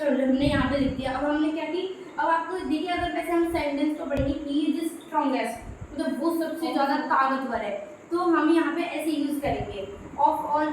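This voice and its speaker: Female grammar teacher, high voice, strong room echo, faint hiss behind. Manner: explains step by step, repeating "dekhiye". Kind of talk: Hindi classroom-style grammar lesson. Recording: very echoey room, faint background noise.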